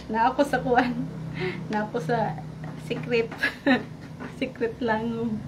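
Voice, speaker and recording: A woman's voice: on the high side, steady tone, slow, background noise. A woman, livestreaming and chatting casually, laughing often and muttering to herself. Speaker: vlogger livestreaming. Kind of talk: casual livestream chat and karaoke singing.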